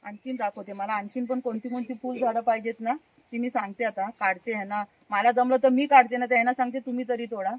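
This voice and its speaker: High-voiced chatty woman from Konkan. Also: steady tone, quick pace, poor audio. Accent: Konkan Marathi. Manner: chatty, keeps urging viewers to look. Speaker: vlogger. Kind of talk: casual walk-and-show garden vlog. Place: outdoors in a village garden.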